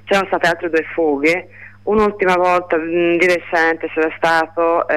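A woman giving a live report by telephone, talking in a halting way with many fillers and restarts. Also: low-pitched, fairly bright tone, clean tone, no echo, poor audio. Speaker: phone-in reporter.

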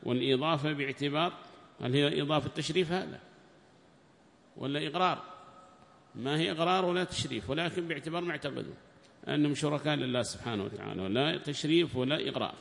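A man's voice: a little high, fast talker, creaky. Man teaching Quran commentary, echoing hall. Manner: alternates loud raised reading of the commentary text with quieter plain explanation. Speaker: Islamic scholar teaching tafsir. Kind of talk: religious lesson explaining Quran commentary.

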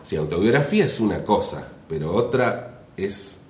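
A man's voice: on the low side, sing-song, moderate pace, echoey room, over a noisy crowd. An Argentine man co-hosting a radio panel show, chatting casually with joking banter. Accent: Argentine Spanish. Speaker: radio co-host.

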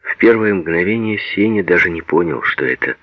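A man narrates a literary audiobook in a measured, even way. His voice sits fairly low. It is recorded close and dry, and the sound is dull and lo-fi. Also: no room sound.

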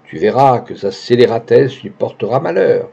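A man's voice: mid-range voice, lively intonation, moderate pace, vocal fry, dark tone, breathy edge. A man reading the lines of a young actress with pompous, gushing phrasing, in a dull lo-fi recording. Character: young woman, pretentious theatrical actress.

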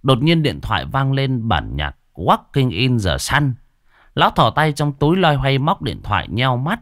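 Brief: male storyteller, ghost story narration, animated pitch, dry close sound, faint music behind. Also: measured pace, dry recording. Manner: lively, dramatic storytelling.

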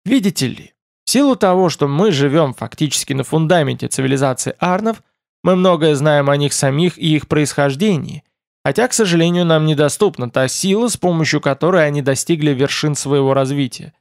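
A man's voice: a little high, fairly quick, vocal fry, no echo, clean studio sound. A man voicing a polite, curious lord of a nonhuman race, speaking formally. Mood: courteous.

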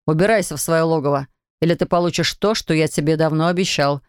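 A woman reading aloud and voicing a stern, exasperated middle-aged father who shouts at his neighbor and son. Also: low-pitched, quick pace, dry recording, clean studio sound, pitched below the performer's own voice, lightly acted. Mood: angry. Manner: gruff, shouting, irritated.

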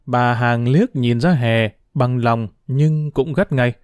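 A male audiobook narrator reads the story in a steady, middle-pitched voice. The recording is close and dry, with no room around it. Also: slow pace, clean tone, no room sound.

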